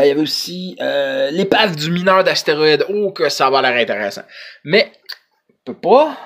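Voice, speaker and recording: A man's voice: a little high, fairly bright tone. A man with a Quebec French accent chatting casually to camera as a vlogger, hesitant and rambling, in colloquial slang.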